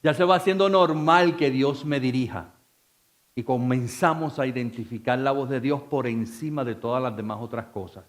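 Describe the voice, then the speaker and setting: A man, a pastor, preaching a church sermon. He moves between quiet talk and raised, emphatic delivery, stacking repeated phrases as he builds. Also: medium pitch, normal speed. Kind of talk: Spanish-language church sermon.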